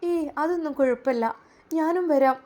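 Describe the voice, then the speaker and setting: A caring young wife, voiced by a woman, high and bright, soothing her husband in a warm, reassuring manner. A Malappuram Malayalam lilt colours her storybook lines. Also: moderate pace, lightly acted. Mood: eager. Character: kind devoted young wife.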